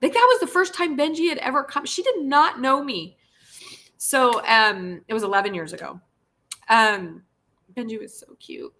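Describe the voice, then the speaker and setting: Woman host, live casual talk, earnest and pleading, repeats herself, bright tone, sometimes tearful. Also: on the high side, lively intonation, normal speed. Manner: earnest, pleading, repeats words when emotional. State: tearful at times. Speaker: podcast host and pet spa owner.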